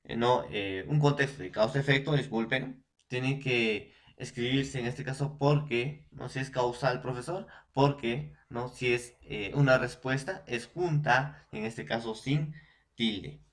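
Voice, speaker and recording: In this recorded lesson, the man from Peru has a medium-pitched voice and an unhurried pace. He talks straight to his young students, goes over points again and again, and checks in often with "¿no?" and "entonces".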